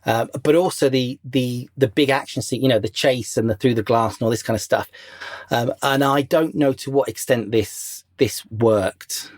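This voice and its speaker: A man's voice: medium pitch, moderate pace, dry recording, studio quality. A man as an interview guest, talking casually and rambling with many fillers and restarts. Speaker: interview guest, former crew member.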